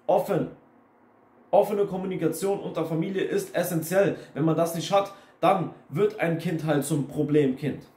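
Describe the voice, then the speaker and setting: This self-help video host is a young man whose voice sits on the high side with a dark tone. In an echoey room he delivers a blunt, casual, repetitive lecture to camera, slipping in English phrases.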